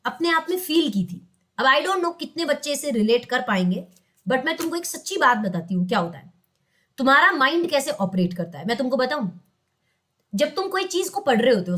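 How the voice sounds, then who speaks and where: High-voiced Indian woman teaching law. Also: fairly bright tone. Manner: mixes English terms into Hindi, quizzes students; calls students "beta", coaxing and chatty. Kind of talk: online class lecture.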